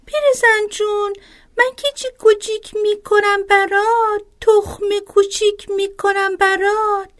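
A woman voicing a tiny, meek sparrow with a squeaky chirping voice in a storybook. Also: level tone, a bit bright. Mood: pleading.

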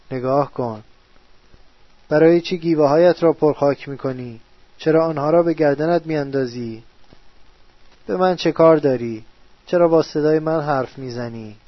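A man's voice: fairly high pitch, pauses often, no echo, close to an everyday voice. An actor playing a distraught man who argues and pleads with himself at night, in an agitated, quarrelsome way, in a radio drama. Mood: frantic. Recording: dull, dry studio recording.

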